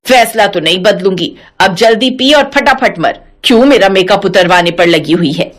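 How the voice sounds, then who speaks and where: A woman voicing a sharp-tongued widowed mother-in-law in her sixties, scolding and scornful. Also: medium pitch, animated, normal speed, pitched below the performer's own voice, close to an everyday voice. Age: 60s. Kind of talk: animated story voice acting.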